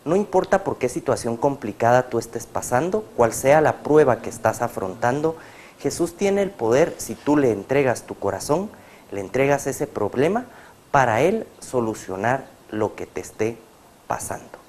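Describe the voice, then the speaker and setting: A man's voice: mid-range voice, very animated, normal speed, darkish tone, slight background noise. Earnest male host of a faith program. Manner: earnest, preacher-like. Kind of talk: testimony interview.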